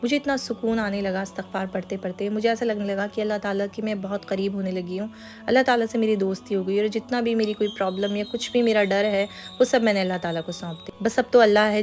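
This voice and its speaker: A woman hosting her own channel, telling a personal religious testimony in an earnest, confiding, unhurried way. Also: medium pitch. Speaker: channel host.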